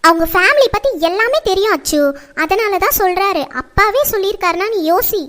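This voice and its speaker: Casting: woman as fretful, lecturing mother, very high and piercing, family drama. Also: a little fast, a bit bright. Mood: persuading. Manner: scolding, lecturing. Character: nagging middle-aged mother, strict and fretful.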